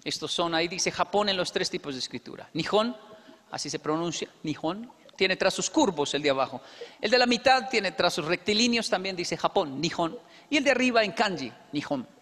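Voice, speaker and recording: Holding a handheld mic, a Colombian-accented man addresses an audience from a large indoor stage, his voice pitched high. As a motivational speaker, he spins lively stories and performs the dialogue with quick asides, and a long reverb from the hall follows each phrase.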